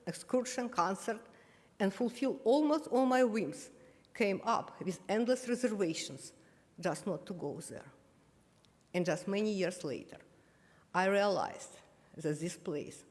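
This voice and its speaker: Speaking in a reverberant hall, this older Kyiv-born woman, a native Russian speaker, is the guest speaker at a remembrance ceremony and reads out a personal reflection. Her pitch sits in the middle range and has a slightly mellow quality. Her delivery is measured and solemn, with the occasional small slip of the tongue.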